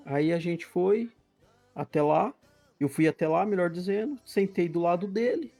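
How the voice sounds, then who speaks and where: A man's voice: high-pitched, warm tone. A man, a podcast guest, earnestly telling a spiritual testimony and acting out the dialogue. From Brazil. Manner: earnest, vivid, acts out dialogue. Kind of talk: personal testimony storytelling.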